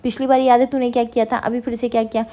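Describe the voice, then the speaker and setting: A woman's voice: fairly high pitch, flat delivery, quick pace, mellow, close to an everyday voice. A woman voicing a protective young man who soothes and scolds by turns. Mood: reassuring.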